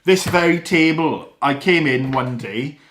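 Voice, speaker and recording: A man's voice: on the high side, measured pace, fairly bright tone, roomy sound, slight background noise. A young man, a father, talking casually to the camera at home, earnest and rambling, with small laughs and restarts. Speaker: father and vlogger. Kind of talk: casual vlog talk to camera. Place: living room at home.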